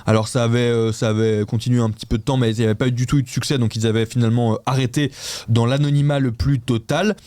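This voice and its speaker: A man's voice: medium pitch, steady tone, fast, warm tone, no echo. Hesitant male news host, dry sound. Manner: hesitant, restarting often, chatty and self-mocking. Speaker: host of a weekly news show. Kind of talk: casual news recap and quiz with co-hosts.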